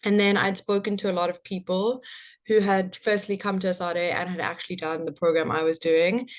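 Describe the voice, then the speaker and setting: A South African woman talks informally as a student on a panel. Her voice is a little low as she shares her experience in conversational style. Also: little pitch movement, fairly quick. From Cape Town, South Africa. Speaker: master's student. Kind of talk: casual testimonial on a panel chat.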